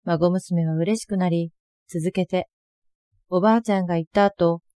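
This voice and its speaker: An older woman reading her own first-person account aloud, in a steady, earnest storytelling manner. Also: lowish voice, moderate pace, dry recording, studio quality. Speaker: narrator of a personal testimony.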